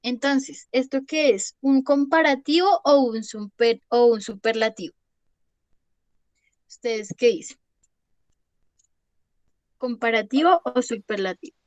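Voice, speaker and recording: Young teacher, higher voice, dry close mic, patient, keeps checking in. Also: female voice, slow pace, long pauses, dry recording. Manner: patient, repeats "¿listo?" to check understanding. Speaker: English teacher. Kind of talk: online class lesson.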